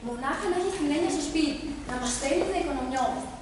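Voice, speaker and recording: A woman's voice: sits high, expressive. A woman voicing a practical, supportive village wife in a folk tale, speaking earnestly, recorded far off in an echoey hall with background noise.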